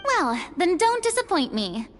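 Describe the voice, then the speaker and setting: A woman's voice: very high voice, sing-song, a little slow, exaggerated voice. A woman acting a self-assured, playfully haughty grand lady with a dramatic, grandiose manner in a game. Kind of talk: voice-acted game dialogue. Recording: loud music behind the voice.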